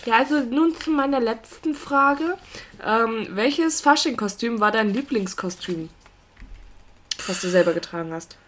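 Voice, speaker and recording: A woman's voice: on the high side, expressive, a little slow, fairly bright tone, slight background noise. A young adult woman co-hosting a casual chat podcast, telling long detailed stories with lots of digressions and frequent laughter. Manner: rambling, detailed storyteller, laughs often. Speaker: podcast co-host.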